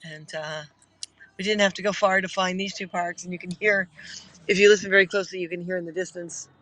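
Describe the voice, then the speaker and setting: A woman's voice: on the low side, fairly even intonation, a little fast, a bit bright, dry recording, poor audio. A woman hosting a casual livestream from a car, chatting in a rambling way with lots of fillers. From Canada. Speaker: livestream host. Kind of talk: casual live chat while riding in a car. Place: in a car at night.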